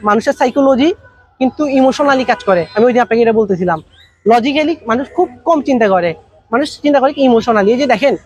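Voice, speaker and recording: High-voiced fast-talking man teaching. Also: no echo. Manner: colloquial, tells anecdotes with acted dialogue. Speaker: business trainer. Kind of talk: masterclass talk.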